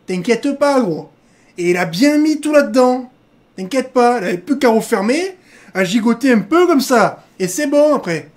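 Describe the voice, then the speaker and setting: A man's voice: very high-pitched, animated, moderate pace. A man hosting a casual reaction video with crude jokes, frequent laughter and rambling asides that turn serious. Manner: crude joking, laughs often; digressive, drifts between jokes and serious remarks.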